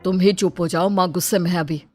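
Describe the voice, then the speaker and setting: A woman's voice: on the low side, steady tone, quick pace, mellow, soft background music, close to an everyday voice. A woman voicing a young husband caught between his mother and his wife, pleading and placating, in a cartoon story.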